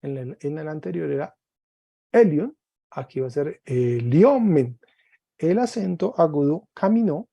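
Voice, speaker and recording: A man teaching Greek in an online class, speaking slowly and patiently, repeating words for students over a video call. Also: a little high, animated, creaky, dark tone, no echo, dull audio.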